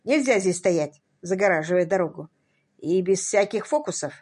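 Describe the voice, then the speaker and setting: A woman's voice: lowish voice, expressive, moderate pace, a little mellow, husky. A woman voicing a stern, officious male police constable in a read-aloud story.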